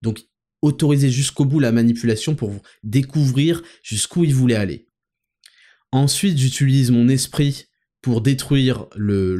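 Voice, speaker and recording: Young man, vlog host, crude rambling rant, dark mellow voice, walking and talking. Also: medium pitch. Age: young adult. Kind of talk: casual monologue vlog.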